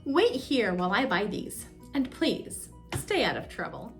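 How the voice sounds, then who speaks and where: A woman reading a storybook, voicing a friendly, patient man who gently instructs his monkey. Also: medium pitch, big pitch swings, measured pace, music in the background. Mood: kindly.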